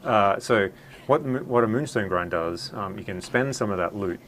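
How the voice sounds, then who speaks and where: A man's voice: lowish voice, normal speed, a bit bright, slight background noise. A man guiding a game demo in a casual way, stopping often with ums and repeated words. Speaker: game developer guest.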